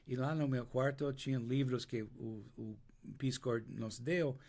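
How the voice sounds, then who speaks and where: Telling his story as an interview guest, an older American man speaks Portuguese with an American accent, English being his native tongue. He goes slowly, restarting and pausing a lot to find words, in a steady, medium-pitched voice that is a little mellow.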